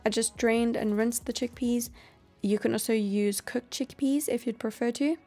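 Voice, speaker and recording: A woman hosting a cooking channel, explaining each step of a meal prep in a calm voice-over. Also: on the high side, normal speed, faint music behind. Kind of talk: instructional voice-over.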